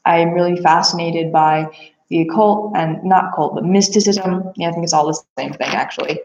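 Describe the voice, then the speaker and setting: Her fairly low voice is gravelly and a little mellow, with a steady tone at normal speed. Originally from Bulgaria, where she was adopted, this aspiring therapist and psychic reader talks earnestly and introspectively about herself, rambling a bit, in an echoey room that sounds slightly dull.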